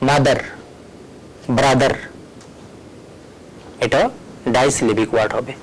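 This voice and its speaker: Male teacher at a board, mid-pitched, patient, spells words out letter by letter, faint rumble behind. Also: fairly even intonation, slow, rough recording. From Tripura, India. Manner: spells words letter by letter, switches between Bengali and English. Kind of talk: recorded board lesson. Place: at a board, erasing and writing.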